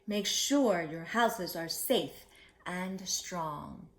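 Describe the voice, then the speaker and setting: A woman's voice: lowish voice, lively intonation, extremely slow, exaggerated voice. A woman voicing a protective mother pig in a storybook, firm and instructive. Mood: firm warning. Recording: echoey room.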